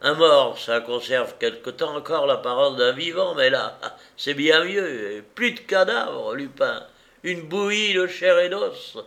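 A man's voice: fairly high pitch, animated, unhurried, gravelly, a bit bright, voice pushed up, full character voice. A man voicing a vicious crippled bandit who taunts with strident, cackling glee. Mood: gloating. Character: gloating crippled male bandit, vicious and shrill.

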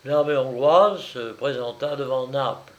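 A man narrating a historical novel in a measured, dramatic storytelling manner. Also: mid-range voice, muffled recording.

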